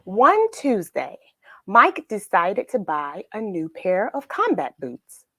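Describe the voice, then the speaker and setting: There's a breathy edge to this woman's mid-range voice as she narrates a children's story with expressive emphasis, dramatic pauses and questions to the kids listening. No room sound is audible.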